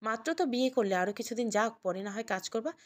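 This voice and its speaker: A woman voicing a firm older father-in-law in an audio story, speaking calmly and with authority. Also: racing, close to an everyday voice. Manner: firm, lowered, calm.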